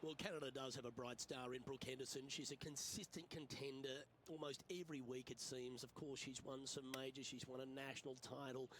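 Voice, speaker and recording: A man calling golf play-by-play in a measured, announcer-style delivery. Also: mid-range voice, steady tone, a bit bright, a little hiss or hum. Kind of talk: scripted sports commentary.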